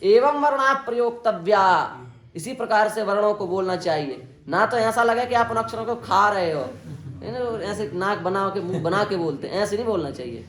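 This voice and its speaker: A man's voice: high-pitched, normal speed, fairly bright tone, echoey room. A man teaching Sanskrit grammar to a class, explaining the sounds and having students say them back to check their pronunciation. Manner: drills students on pronunciation, asks them to repeat. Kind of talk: classroom lesson. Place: indoor classroom.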